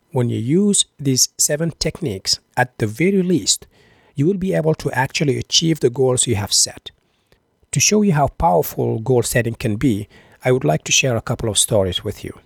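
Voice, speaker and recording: A man hosting a podcast, giving a scripted motivational talk with deliberate phrasing and rhetorical questions. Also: medium pitch, vocal fry, dry recording, clean studio sound. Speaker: podcast host.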